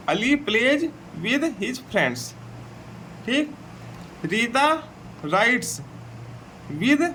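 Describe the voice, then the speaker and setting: A man with a Hindi accent teaching an English textbook lesson, repeating "theek hai" and reading English sentences slowly before translating them. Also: high voice, a bit bright, slight background noise, rough recording. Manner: slow and repetitive, says "theek hai" often.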